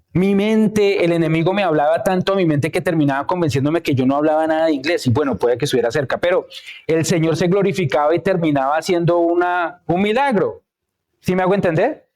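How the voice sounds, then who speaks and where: Guy preaching at church, kinda high voice, chatty, telling stories and asking "right?". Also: darkish tone. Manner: conversational, tells anecdotes, checks in with "¿sí?". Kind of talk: sermon with personal stories.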